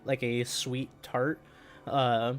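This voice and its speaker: A man's voice: mid-range voice, slow pace. Laid-back man game master with fillers. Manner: relaxed narration with many fillers. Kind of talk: narrating a tabletop game.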